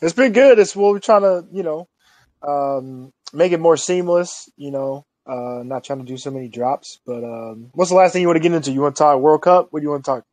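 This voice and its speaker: A man's voice: on the high side, fairly quick, no room sound. Laid-back man in his thirties, dry sound. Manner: relaxed, rambling, many fillers. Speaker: podcast co-host. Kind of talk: casual chat.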